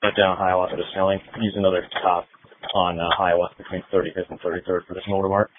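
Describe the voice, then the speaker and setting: Fast, lowish-voiced man on police radio. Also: flat delivery, a little hiss or hum. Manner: terse, procedural. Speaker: police officer. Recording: narrow phone-like police radio.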